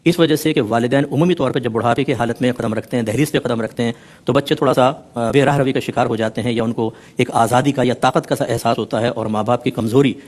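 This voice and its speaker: A man's voice: medium pitch, darkish tone. A man speaking as an Islamic scholar, explaining a verse in earnest with teasing asides and stray English words. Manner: mixes English words into his talk. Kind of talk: religious discourse explaining a Quran verse.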